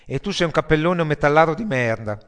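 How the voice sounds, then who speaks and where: A man doing a loud, foul-mouthed newsagent. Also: a little high, expressive, fast, smooth. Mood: joking. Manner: loud, crude banter. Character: foul-mouthed joking male newsagent, rock fan.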